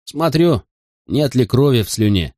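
A man's voice: medium pitch, expressive, measured pace, a little mellow, no room sound, clean studio sound, natural voice. Man playing a curt, sly friend. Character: cool, wry man feigning illness.

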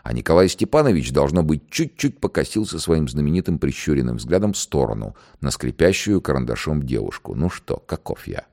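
A man narrating and commenting on a historical record in an expressive, wry storytelling manner. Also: extremely low pitch, brisk, few pauses.

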